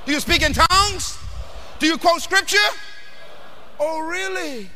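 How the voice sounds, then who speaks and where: A man preaches a sermon with a very high voice, pressing his listeners with questions and breaking into shouts. He speaks slowly and sounds very bright. The voice rings out with the long reverb of a large hall. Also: slight background noise. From Bahamas. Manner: emphatic, questioning the audience, often shouting.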